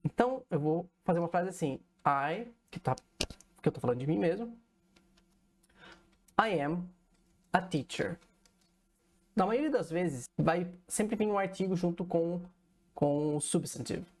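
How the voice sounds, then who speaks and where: A man's voice: high voice, expressive, darkish tone. Patient Brazilian man teaching a lesson. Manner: patient, explains slowly, checks in with frequent "né?" and "certo?". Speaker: English teacher. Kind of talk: recorded online lesson. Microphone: computer recording.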